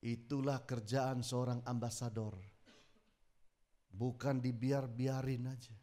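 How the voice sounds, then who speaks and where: A man preaching a sermon, telling stories with dramatic swings between loud exclamations and low murmurs. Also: level tone, takes it slowly. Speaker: pastor. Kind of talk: sermon with storytelling.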